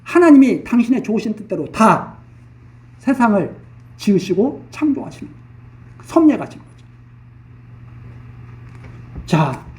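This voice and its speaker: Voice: medium pitch, big pitch swings, normal speed, pauses often, a little mellow, distant mic. Preacher explaining scripture plainly, repeating phrases. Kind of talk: expository Bible sermon.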